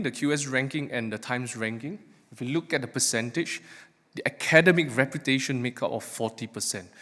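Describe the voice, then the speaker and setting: Male academic presenter, emphatic lightning-talk delivery with questions put to the room, mid-range pitch, long hall reverb. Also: fairly bright tone. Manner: questioning, engages audience with rhetorical questions. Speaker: academic researcher giving a talk. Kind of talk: live lightning talk to an audience. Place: large hall, speaking to a live audience.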